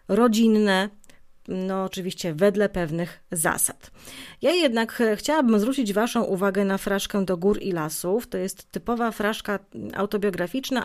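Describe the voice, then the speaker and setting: Polish-speaking woman teaching, hesitant. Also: medium pitch. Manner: explanatory, many hesitation fillers; addresses students directly, asks and answers own questions. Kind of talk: spoken lesson on poetry.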